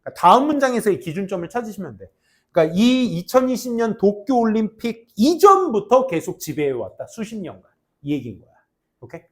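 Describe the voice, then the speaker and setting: Lively, high-pitched Korean-style classroom teacher. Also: male voice. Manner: animated, jokey, teasing students between grammar points. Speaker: English teacher. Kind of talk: classroom lecture with banter.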